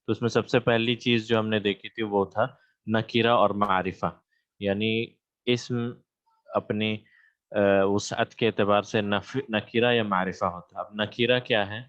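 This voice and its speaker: Over a video call's computer mic, a man lectures on Arabic grammar with screen share, repeating terms patiently and checking on his students. His voice sits on the low side, steady in tone and a bit bright. The audio is lo-fi and dry, with no room sound.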